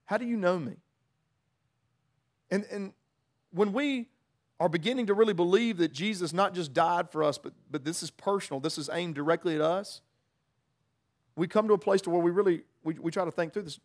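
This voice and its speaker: A man with a high-pitched voice delivers an earnest, informal sermon at a brisk pace. Working through a passage conversationally, he frequently restarts sentences and repeats words.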